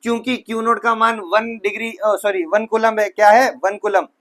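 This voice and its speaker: A man's voice: high-pitched, flat delivery, moderate pace, a bit bright. A man teaching physics, talking students through each step with rhetorical questions, sometimes correcting himself mid-sentence. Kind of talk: whiteboard physics lecture.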